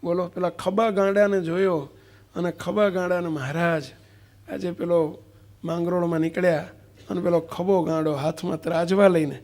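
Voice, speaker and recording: A man's voice: high voice, steady tone, moderate pace, a little mellow. A man giving a devotional sermon, questioning his listeners and stressing points with emphasis. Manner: questioning, emphatic, acts out a street seller's cries. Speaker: preacher.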